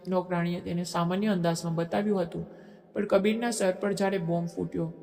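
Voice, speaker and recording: A man narrating a scripted family story in an even, steady reading manner. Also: high-pitched, brisk, gravelly. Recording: echoey long reverb.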